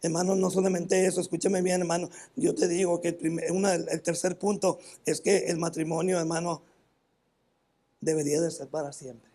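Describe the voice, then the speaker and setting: Here a pastor's voice is a little high and dark, delivered flatly, as he preaches a sermon with personal testimony in a northern Mexican accent. Frequent halting restarts break up his phrases, and he often calls the congregation "hermano."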